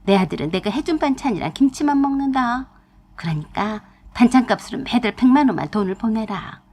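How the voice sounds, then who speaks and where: A woman's voice: a little high, lively intonation, fairly quick, a little mellow. A woman voicing a domineering elderly mother-in-law who scolds and talks down to her daughter-in-law in a storytelling narration. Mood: scolding.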